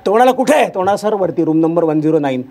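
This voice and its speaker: A man's voice: a little high, racing. A male stand-up comedian telling a story on stage, acting out the people in it. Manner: animated, acts out characters' lines. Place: stage before a live audience.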